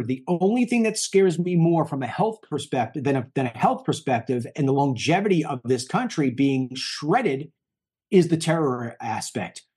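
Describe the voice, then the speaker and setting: Husky, heated man in his fifties. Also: on the high side, a little mellow. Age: 50s. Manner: heated, emphatic, repeats himself. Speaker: news show host. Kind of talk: political commentary.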